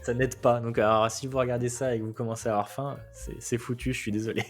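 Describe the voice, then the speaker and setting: A man's voice: medium pitch, flat delivery, quick pace, soft background music. A man from France, a guest telling a travel story in a casual, anecdotal way and laughing easily. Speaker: guest recounting a road trip.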